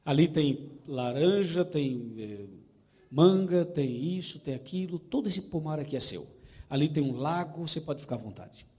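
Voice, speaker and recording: Preacher voicing a gentle Brazilian farmer. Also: male voice, fairly high pitch, animated, normal speed, lightly acted. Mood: generous. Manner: gentle, generous, reassuring. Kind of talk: preacher's story voice.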